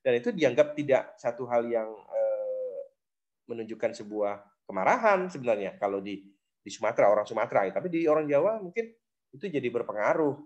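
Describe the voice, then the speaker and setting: A man's voice: medium pitch, lively intonation, brisk, darkish tone. A man giving a recorded lecture on logic, explaining step by step with frequent fillers. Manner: explanatory, many fillers like "nah" and "gitu". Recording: dull lo-fi recording.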